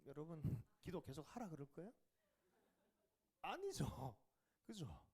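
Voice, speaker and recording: A man pastor preaching a revival sermon who questions the congregation and drops to a whisper for quiet asides. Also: fairly high pitch, very animated, measured pace, breathy edge. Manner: questions the congregation and asks for replies.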